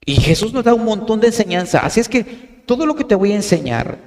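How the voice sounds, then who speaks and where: Pastor preaching, kinda high voice, earnest, long echo of a church hall. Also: male voice, sing-song. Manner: earnest, slows to stress scripture, hushed in prayer. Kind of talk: sermon with prayer.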